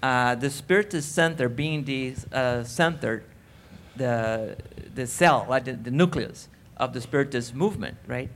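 A man's voice: mid-range voice, a little slow, a bit bright, slight background noise. Easygoing man on a live panel. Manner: laughing, easygoing, hesitant. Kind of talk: unscripted panel discussion. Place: symposium hall with audience.

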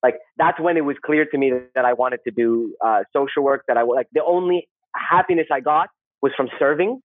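A man from Saudi Arabia, telling personal stories casually in an interview in a rambling, halting way that repeats words and phrases. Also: medium pitch, no room sound, phone-quality sound. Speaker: podcast guest, social worker.

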